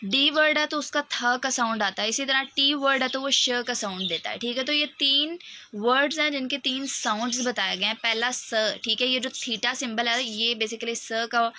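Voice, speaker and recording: A woman's voice: a little high, moderate pace, bright, forceful tone. A woman teaching a lecture, explaining each point step by step and often checking in with "okay". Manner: explains step by step, often says "theek hai". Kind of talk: recorded lecture explaining topics.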